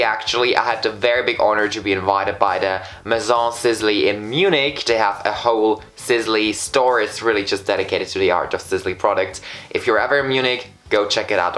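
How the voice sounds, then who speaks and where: A young Austrian man in his twenties, a beauty vlogger with an Austrian German accent, reviews lipsticks in a camp, flamboyant style full of gushing exclamations. His voice is on the low side, at normal speed with a fairly bright tone. He's filming in a bright indoor room in front of a patterned backdrop.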